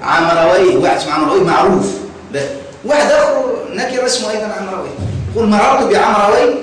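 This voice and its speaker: A man's voice: high-pitched, fast talker, recorded from a distance, slight background noise. A man with a Tunisian Arabic accent teaching a grammar lesson, quizzing students and repeating key words. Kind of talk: classroom lecture. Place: classroom. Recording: echoey classroom, voice from afar.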